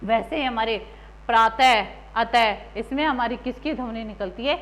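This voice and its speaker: Questioning woman teacher, higher voice. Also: normal speed, poor audio. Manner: asks the class questions and answers them herself. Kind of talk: Hindi grammar lesson.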